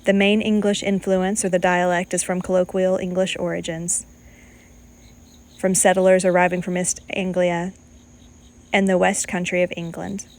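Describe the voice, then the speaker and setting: A woman reading scripted documentary narration in a formal, measured manner. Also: on the low side, flat delivery, darkish tone. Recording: faint background noise.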